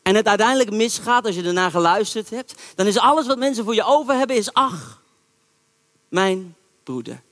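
A man preaching a sermon, retelling a Bible story in a lively, colloquial way and acting out the characters' words. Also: high-pitched, quick pace, hardly any pauses. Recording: echoey hall reverb.

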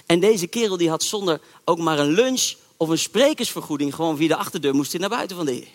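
Man, preacher, sermon, high voice, colloquial storytelling, acts out quotes, long church-hall echo. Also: animated, quick pace. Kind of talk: sermon retelling a Bible story. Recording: echoey hall reverb.

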